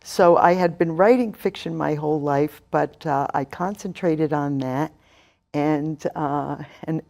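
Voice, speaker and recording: A woman's voice: sits low, measured pace, gravelly, a little mellow. An older woman from New York City, a novelist guest answering interview questions in a reflective, earnest way.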